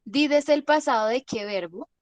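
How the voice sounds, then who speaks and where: At a normal speed, a woman with a slightly high voice gives an English class over the internet. Patient in manner, she frequently checks comprehension with tag questions. It's a dry recording.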